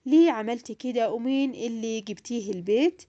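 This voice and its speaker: A woman voicing a cold, accusing young female roommate in a spoken story, in her own fairly high voice. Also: fairly quick, warm tone, dull audio, natural voice.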